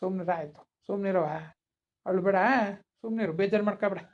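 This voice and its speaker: A woman's voice: mid-range voice, steady tone, a little fast, lightly acted. Woman as a kindly grandpa, soothing, dull lo-fi sound. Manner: soothing, coaxing. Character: gentle village grandfather, comforting. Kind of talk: village comedy skit acting. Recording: dull lo-fi recording.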